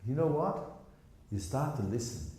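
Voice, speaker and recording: A man's voice: medium pitch, lively intonation, normal speed, dark tone, a little hiss or hum. A man teaching a piano masterclass, explaining with demonstrative, jokey remarks and singing phrases on syllables. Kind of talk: masterclass coaching. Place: recital hall. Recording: very echoey hall with faint piano.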